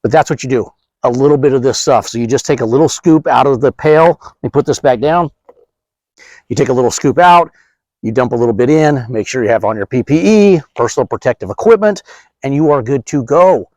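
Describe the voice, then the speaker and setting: A man explains pest control in a relaxed, joking way, speaking right to the camera. His voice sits at an everyday middle pitch. The sound is dry and close, with no room around it. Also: a little fast, dry recording, dull audio. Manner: chatty, joking, direct to the viewer. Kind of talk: casual how-to demonstration.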